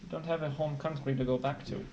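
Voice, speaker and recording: A man talks through math problems for a live-streamed tutoring lesson, with plenty of jokes along the way. His voice sits a little high for a man. A faint hiss runs under the recording. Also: fairly even intonation, fast talker, gravelly, darkish tone, lo-fi sound. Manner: playful, jokey explainer.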